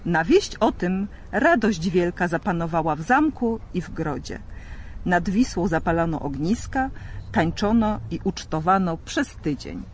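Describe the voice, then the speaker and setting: A man narrating a legend as a lively, expressive storybook reading. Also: sits high, a little slow, a little hiss or hum.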